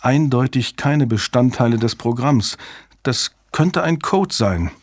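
A man voicing a sharp-minded female cryptographer who reasons aloud and questions others. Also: mid-range voice, lively intonation, measured pace, no echo, studio quality. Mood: puzzled.

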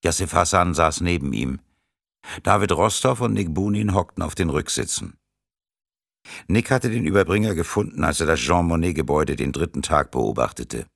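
Deep, gravelly male narrator. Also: no echo, clean studio sound. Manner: steady, measured narration. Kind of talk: audiobook reading.

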